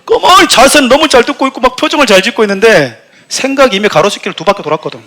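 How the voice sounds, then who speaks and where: A man's voice: extremely high pitch, very fast. A middle-aged man, the senior pastor of the church, preaching a sermon full of funny stories and acting out quotes with raised voice. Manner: animated storytelling, acts out shouted quotes. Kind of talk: sermon with humorous anecdotes.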